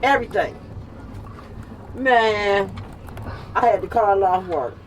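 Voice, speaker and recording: An older woman chatting casually and telling stories in an animated, emphatic way, repeating phrases for comic effect. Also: on the low side, a little slow, lo-fi sound. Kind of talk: casual storytelling chat. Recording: noisy with clear vehicle and street sound.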